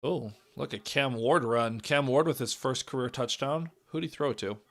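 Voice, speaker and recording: A young man reacts to a game with casual live play-by-play, his voice hoarse, raspy, and cracking. He talks at a moderate pace, veering between loud calls and low muttering.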